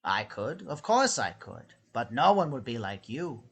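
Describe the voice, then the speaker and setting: An actor playing a suspicious, self-pitying old evil scientist in a script read-through, imperious and guilt-tripping. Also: male voice, medium pitch, sing-song, a little slow, vocal fry, breathy edge, exaggerated voice. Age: older.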